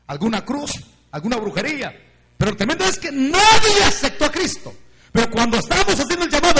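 A man preaching an evangelical sermon, passionately alternating quiet asides with shouts and calling listeners brother. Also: sits high, slightly rough. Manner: impassioned, swings from quiet asides to shouted exclamations; keeps addressing listeners as "hermano". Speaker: pastor. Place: church or meeting hall. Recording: long hall reverb, faint hum.

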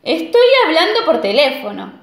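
A woman's voice: high voice, very animated, moderate pace, pitched above the performer's own voice. A woman voicing a vain, fussy male wolf from a children's story, showy and pleased with himself, recorded in an echoey room. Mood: self-satisfied.

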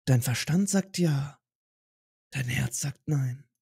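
A man narrating as game master in a slow, atmospheric way. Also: medium pitch, creaky, a little mellow, husky, dry recording, clean studio sound. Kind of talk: narrating an audio role-play.

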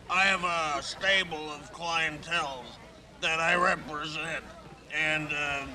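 A pushy Bronx street hustler. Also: male voice, a little high. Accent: Bronx New York. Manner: fast-talking, wheedling, a sleazy salesman's patter. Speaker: comic actor. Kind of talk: sketch comedy acting.

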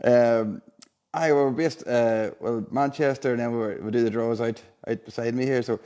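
In an indoor showroom with a car and a screen on display, a roughly forty-year-old man hosts a live prize draw with easygoing, colloquial chatter. His mellow voice is medium-pitched, with fairly even intonation and a moderate pace.

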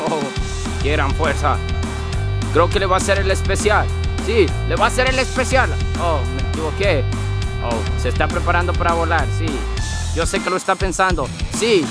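Young man doing an excitable high-pitched wrestling commentator. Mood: excited, puzzled. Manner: exclamatory, drawn-out calls with many repeated interjections. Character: excitable male wrestling commentator calling a backyard match. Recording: loud music behind the voice.

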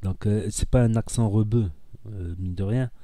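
A man's voice: on the low side, fairly even intonation, normal speed, dark tone, dry recording. A man with a southern French accent from Narbonne, a content creator talking in a casual, rambling monologue to camera, earnest and heated, often repeating himself. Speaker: social media content creator.

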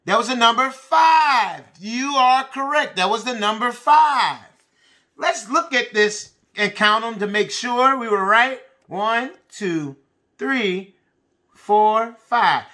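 A man with a very high-pitched, forceful bright voice gives a lesson for preschoolers. He talks to the little ones in simple, repeated phrases and questions, animated and full of encouragement. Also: slow pace. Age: middle-aged. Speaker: preschool and kindergarten teacher. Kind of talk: children's lesson addressed to young pupils. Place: small indoor room with bookshelves.

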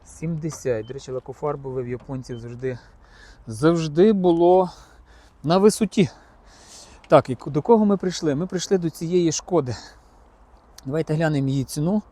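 Mellow-voiced man touring a car lot. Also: a little high, normal speed, pauses often. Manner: chatty, addresses viewers directly as friends. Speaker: car-market vlogger. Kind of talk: casual on-the-spot car inspection vlog. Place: outdoor used-car market.

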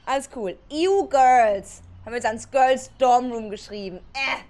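A young woman streaming a game, commenting excitably and often breaking into shrieks and exclamations. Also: a little high, brisk.

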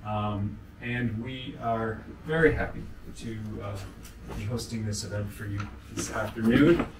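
Courteous male host, mid-pitched, slightly halting, echoey room, far from camera. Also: creaky. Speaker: museum heritage manager, host. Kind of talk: event introduction. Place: small meeting room.

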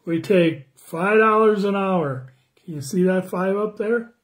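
An older man in his sixties giving a children's sermon on a phone livestream, slow and friendly, greeting viewers by name and asking the kids questions. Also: high-pitched. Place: small room indoors at home. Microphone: phone camera close up.

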